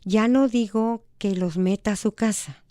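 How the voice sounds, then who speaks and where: A Mexican woman talks earnestly as a radio guest, her voice smooth and mellow. She sounds conversational and sometimes slips into quoted voices. The studio sound is dry and close. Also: mid-range voice, fairly even intonation, a little slow, no room sound. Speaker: human rights advocate guest. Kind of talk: radio talk show discussion. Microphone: studio microphone.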